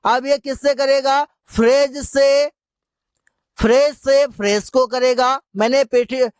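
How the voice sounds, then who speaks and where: Slow, high-voiced man teaching grammar. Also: steady tone, smooth, no room sound. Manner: slow, deliberate, explaining word by word; reads English example sentences very slowly. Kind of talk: Hindi-medium grammar lesson.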